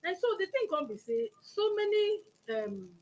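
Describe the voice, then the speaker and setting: High-pitched Nigerian woman talking conversationally. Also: sing-song, moderate pace, darkish tone, rough recording. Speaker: talk show host. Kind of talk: conversational talk in Nigerian Pidgin.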